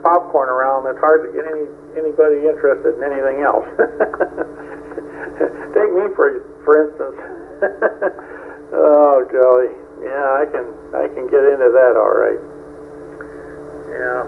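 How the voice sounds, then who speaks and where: A man's voice: medium pitch, creaky. A man running an amateur radio net as net control, easygoing and chuckling, heard over a radio transmission with static. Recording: tinny radio with faint static.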